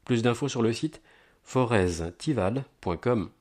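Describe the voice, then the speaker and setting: A man's voice: medium pitch, lively intonation, a little slow, darkish tone. A man reading a scripted events listing in an upbeat announcer's manner, stressing the headlines. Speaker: announcer of a local events agenda. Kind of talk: scripted promotional narration.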